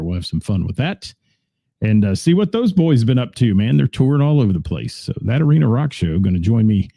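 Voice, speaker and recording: A man with a mid-range, creaky, mellow voice hosts a local radio show, rambling in a chatty, self-deprecating way. He greets listeners, talks about gigs, and reads out their comments. The studio sound is clean, with no room sound.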